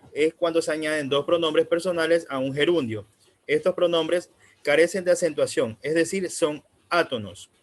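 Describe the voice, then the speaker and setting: A male student giving a formal class presentation, reading from slides and asking for the next one. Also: fairly high pitch.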